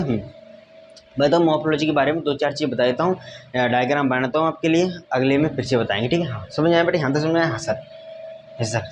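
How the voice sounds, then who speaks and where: A man's voice: a little high, a little hiss or hum. A man teaching a science lesson, repeating points and often asking if students have understood. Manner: repetitive, addresses students as "beta", asks frequent checking questions. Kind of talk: classroom lecture with whiteboard.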